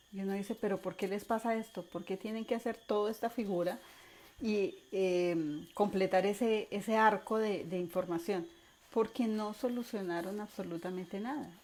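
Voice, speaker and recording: A woman teaching an online course, animated and repeating words to drive points home. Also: mid-range voice, a little hiss or hum. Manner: animated, acts out examples with repetition.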